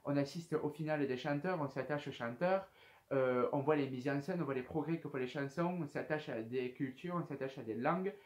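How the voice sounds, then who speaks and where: With a mid-range voice and a slightly quick delivery, this twenty-one-year-old YouTube host casually answers viewer questions to camera. He is hesitant and leans heavily on fillers.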